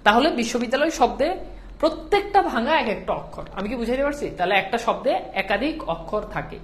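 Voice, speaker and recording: High-voiced Bangladeshi woman teaching online. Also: lively intonation, fast, slight background noise. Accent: Bangladeshi Bengali. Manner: patient, repeats points, checks on students often. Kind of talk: online class lecture.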